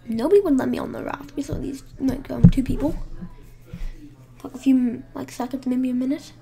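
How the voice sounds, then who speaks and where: A woman's voice: high voice, normal speed, creaky, crowd noise. A woman telling a casual storytime at home, rambling and swearing, sometimes dropping to a whisper. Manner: rambling and profane, with many fillers. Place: home room with someone asleep nearby.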